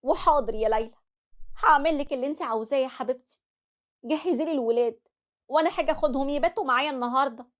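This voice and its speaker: A woman with an Egyptian accent voicing a gentle, pious mother soothing her daughter. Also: high voice, quick pace, voice pushed up. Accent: Egyptian Arabic. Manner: soothing, tender.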